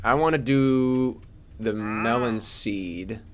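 A young man giving casual commentary as he plays a game, chatty and excitable, talking to the characters on screen. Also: slow, a crowd in the background. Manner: excitable, jumps to high squeals. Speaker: let's play gamer.

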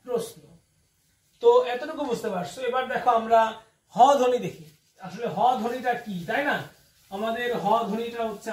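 A man from Bangladesh teaches a grammar lesson in a very high voice. He keeps putting questions to his students and then answers them himself. He sounds far from the mic, in an echoey room. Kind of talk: classroom lesson.

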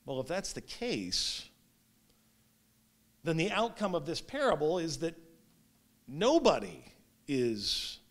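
A man in his thirties preaches a sermon in a small church sanctuary, his voice sitting high for a man and leaping around with lively expression. He gestures as he speaks and swings between loud emphatic bursts and soft, dropped endings. The camera catches him from a middle distance. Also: takes it slowly, long pauses. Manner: gestures while preaching standing up. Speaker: pastor. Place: small church sanctuary with stone fireplace, indoors.

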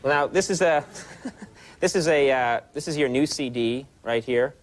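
A man hosting a late-night talk show in a TV studio, quick and joking with stumbling restarts. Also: mid-range voice. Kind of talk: talk-show host interview. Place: TV studio at a desk.

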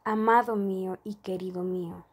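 A woman reading a prayer and money affirmations aloud in a slow, soft, devotional manner. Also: mid-range voice, fairly even intonation, husky. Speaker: prayer reader.

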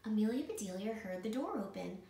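A woman school principal reading a picture book aloud to children in a warm, expressive way. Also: mid-range voice, a little fast, vocal fry, reverberant, a little hiss or hum.

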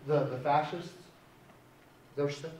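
A middle-aged man gives a chatty university poetry lecture, reading a poem aloud and repeatedly asking "right?" His voice is a little high and mellow with a steady tone and normal speed. It's recorded from far off in an echoey lecture hall with faint hiss.

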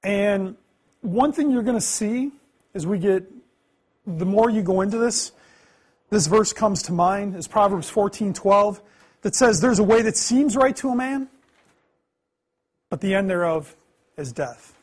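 Man in his 30s, classroom lecturer; high, husky voice, earnest, quizzes the room. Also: unhurried, long pauses. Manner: earnest, asks the class questions, swings between loud emphasis and quiet asides. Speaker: Bible class teacher. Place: classroom, indoors.

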